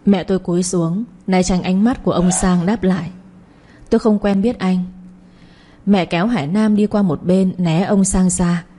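Woman reading a story out loud, low husky voice, steady. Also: moderate pace, hardly any pauses. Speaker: narrator. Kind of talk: first-person story narration.

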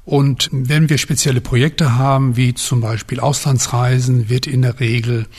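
A man's voice: medium pitch, little pitch movement, moderate pace, a little mellow, husky. A man in an interview, explaining orchestra matters in a matter-of-fact way. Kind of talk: interview answers.

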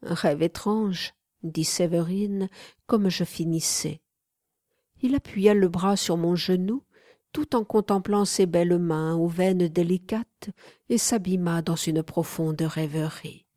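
Slow, mellow-voiced woman narrator. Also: on the low side, no room sound, studio quality. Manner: measured, calm. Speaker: audiobook narrator. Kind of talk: literary audiobook narration.

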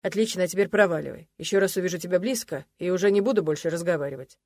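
A woman's voice: on the low side, very fast, a little mellow. Woman reading a cold stern man. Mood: cold command. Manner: cold, curt, commanding.

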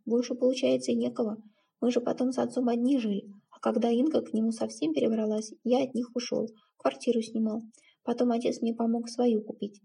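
A woman voices a warm-hearted young man in this spoken storybook, eager and reassuring, speaking in quick bursts. The voice is husky and gravelly, with a mellow, dark tone. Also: on the high side, exaggerated voice. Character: young man, cheerful, warm, earnest stepson.

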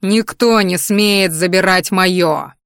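A woman putting on a cold, hoarse sea lord. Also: moderate pace, no room sound, clean studio sound, natural voice. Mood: menacing. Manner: cold, low, hushed. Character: cold, menacing male sea spirit.

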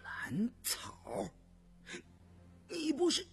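A man voicing a weary, crippled older male scholar who speaks slowly, sighs and sometimes drops to a whisper. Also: medium pitch, sing-song, fairly bright tone, faint music behind, full character voice. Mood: grave. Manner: slow, sighing, sometimes whispered.

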